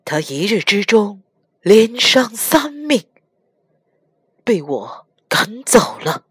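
A woman voicing a gentle male monk master, mournful and sighing. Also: sits high, lively intonation, extremely slow, dry recording, clean studio sound, pitched above the performer's own voice, heavily acted.

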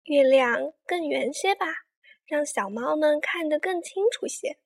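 High-voiced woman telling a children's story. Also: unhurried, vocal fry. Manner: warm, coaxing tone addressing children. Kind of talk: gentle picture-book narration for children.

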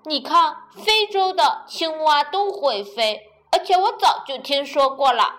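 A woman voicing a gullible young male frog in a children's storybook, with excited, squealing exclamations. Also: sits high, a little slow, faint music behind, voice pushed up. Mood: indignant.

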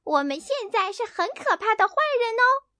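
A woman's voice: very high-pitched, big pitch swings, normal speed, sharp tone, dry recording, studio quality, pitched above the performer's own voice, exaggerated voice. A woman playing a mischievous, coaxing kitten. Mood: playful coaxing. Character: playful young kitten, mischievous and greedy.

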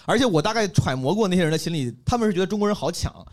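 Fast-talking young man spinning a story. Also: sits high. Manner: animated, laughs while telling stories. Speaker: stand-up comedian guest. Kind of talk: casual storytelling chat.

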